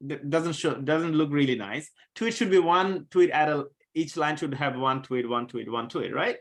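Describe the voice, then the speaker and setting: Guy teaching coding live, slightly high voice, kinda hoarse, goes step by step. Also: normal speed, a bit bright. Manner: patient, walks students through code step by step. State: losing his voice, coughing. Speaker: coding instructor.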